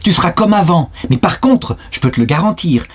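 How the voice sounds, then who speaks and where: A man's voice: high voice, lively intonation, brisk, husky, pitched above the performer's own voice. A man voicing a stern father who scolds his daughter and worries about his standing in the party. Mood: scolding. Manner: scolding, guilt-tripping. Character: stern middle-aged Soviet-era father, party official.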